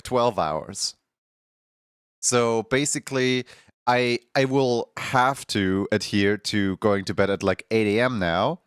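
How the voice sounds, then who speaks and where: A man's voice: medium pitch, clean tone, no echo, studio quality. A man streaming live, chatting casually with his viewers in a stuffy morning voice, rambling and laughing often. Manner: rambling, laughs often, greets chat members by name. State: congested morning voice.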